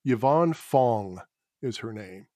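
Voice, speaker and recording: Sounding a little mellow, this man speaks slowly and expressively at a medium pitch as a guest author in an easygoing podcast chat. Laughing frequently, he makes fun of his own speech habits, and the close, dry recording carries no room sound.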